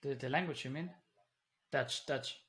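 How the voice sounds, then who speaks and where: This interview guest, a German-born native German speaker now in the Netherlands, chats casually over a video call. He's unhurried, with a fairly bright mid-range voice, and rambles with many fillers and restarts.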